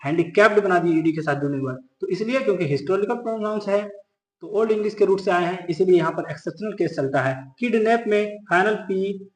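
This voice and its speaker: A male English teacher explaining a spelling rule in Hindi. He asks quick questions, answers them himself, and repeats each rule slowly. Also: high voice, a little mellow, echoey room. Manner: repeats key rules slowly for emphasis. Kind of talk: grammar lesson explained in Hindi.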